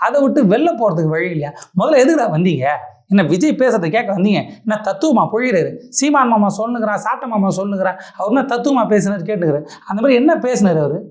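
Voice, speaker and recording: Fast, heated woman ranting. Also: mid-range voice, lively intonation, darkish tone. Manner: heated, indignant, rhetorical questions. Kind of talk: angry political rant.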